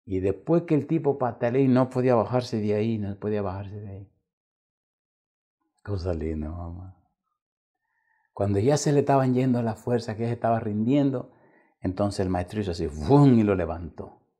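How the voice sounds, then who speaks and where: A man preaching a sermon as a pastor, telling stories dramatically and swinging between loud emphasis and hushed near-whispers. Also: on the low side, moderate pace, long pauses.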